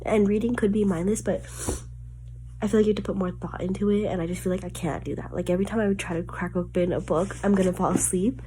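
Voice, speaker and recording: A woman's voice: medium pitch, fairly even intonation, fast talker, warm tone, slight background noise. A young woman with a sick, stuffy nasal voice, chatting casually in a book vlog and rambling with lots of filler words. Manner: rambling, filler-heavy talk with many "like"s. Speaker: book vlogger. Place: at home.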